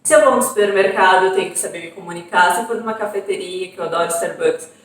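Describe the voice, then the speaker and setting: A woman's voice: medium pitch, fast. A young Brazilian woman with a southern Brazilian accent, chatting casually as a vlogger and tossing in frequent tag questions and fillers. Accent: southern Brazilian Portuguese. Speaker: vlogger on an exchange program. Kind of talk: casual chat. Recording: very echoey room, far from mic.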